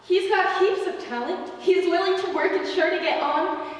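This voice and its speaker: A woman's voice: very high voice, steady tone, moderate pace. A woman playing an earnest, modest but proud young woman in a stage play, speaking in a proper manner. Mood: defiant, proud. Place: theater stage, recorded from the audience area. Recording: echoey theater, distant mic, faint noise.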